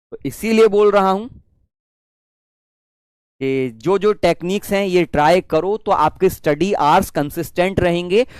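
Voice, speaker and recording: Young man, physics teacher, high voice, dry close mic, chatty, mimics students. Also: no room sound. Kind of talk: online class pep talk.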